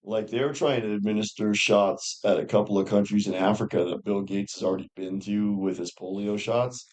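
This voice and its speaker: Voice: low voice, steady tone, moderate pace, a little mellow. A podcast co-host in casual conversation, talking in a slangy, sarcastic way.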